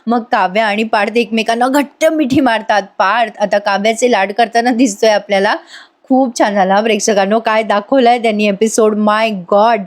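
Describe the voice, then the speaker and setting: A woman's voice: fairly high pitch, steady tone, normal speed. A woman recapping a TV serial episode in a voice-over, enthusiastic and speaking straight to viewers. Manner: enthusiastic, addresses viewers directly. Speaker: TV serial reviewer.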